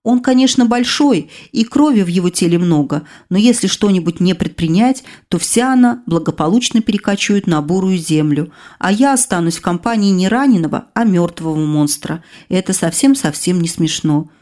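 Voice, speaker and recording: A woman narrating a first-person fantasy audiobook in an expressive reading style, voicing the heroine's outbursts with sharp jumps in pitch. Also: normal speed, hardly any pauses.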